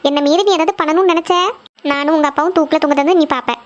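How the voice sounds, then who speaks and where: A woman's voice: high voice, fairly even intonation, quick pace, lo-fi sound, natural voice. A woman voicing a strict middle-aged mother, scolding and lecturing her daughter.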